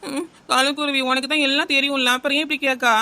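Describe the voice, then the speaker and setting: A high, bright and flat-toned cartoon voice of a weepy young village woman, played by a woman. She has a Kanyakumari Tamil accent and rushes through her sulky, tearful complaints. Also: no room sound. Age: young adult.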